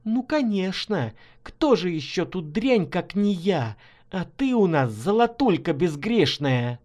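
A desperate young wife from a dramatic audiobook, as a man puts her on, begging in a high, strained voice well above his own. She sounds shrill and near tears. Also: big pitch swings, slow, darkish tone, exaggerated voice. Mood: scornful. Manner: shrill, pleading, tearful.

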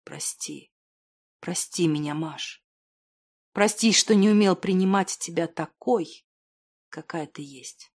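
A woman reading an audiobook, voicing a determined young man who declares his love in a crisp, firm way. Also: mid-range voice, lively intonation, moderate pace, close to an everyday voice. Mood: hushed. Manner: crisp, firm, soldierly delivery. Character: determined young man, a lover proposing firmly.

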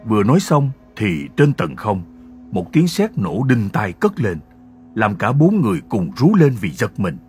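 A man narrating a folk ghost story in a dramatic, expressive storytelling manner. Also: on the low side, measured pace. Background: faint music.

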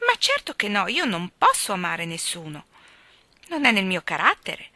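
A woman's voice: mid-range voice, huge pitch swings, moderate pace, pushed and bright, no room sound. A woman reading as a vain, flighty young girl. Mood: gushing. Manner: theatrical, gushing, swooping emphasis. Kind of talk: audiobook character reading.

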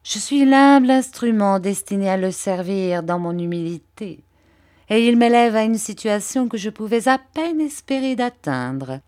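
A woman voicing a fawning, falsely humble young male clerk in an audiobook, speaking slowly and unctuously. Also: medium pitch, expressive, a little mellow, voice pushed up, natural voice. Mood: oily. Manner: unctuous, slow, ingratiating. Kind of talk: audiobook character reading.

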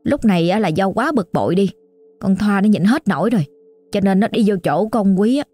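A woman's voice: medium pitch, lively intonation, fairly quick, mellow, faint music behind. A woman with a Southern Vietnamese accent telling a story in a chatty, colloquial, exclamatory way. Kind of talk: casual oral storytelling.

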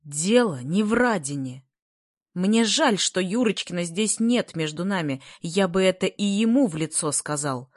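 A woman voicing an excitable, skinny schoolboy who makes a speech in a loud, ringing, eager voice. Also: fairly low pitch, a little slow, no room sound, clean studio sound. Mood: eager, shouting. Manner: shouting, eager and insistent.

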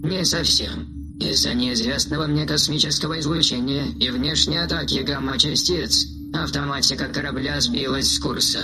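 A man voicing a flat, mechanical male android with a smooth, programmed, emotionless delivery, in an audiobook. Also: fairly high pitch, moderate pace, over music, pitched above the performer's own voice, natural voice, low-quality recording. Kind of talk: audiobook character voice.

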